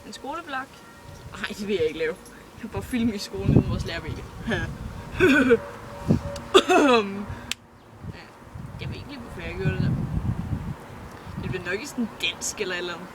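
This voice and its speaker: A woman's voice: mid-range voice, expressive. A teenage girl chatting casually to her webcam at home, rambling, giggling and swearing offhandedly. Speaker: vlogger. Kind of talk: casual rambling chat to camera. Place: at home at the computer. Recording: loud background noise.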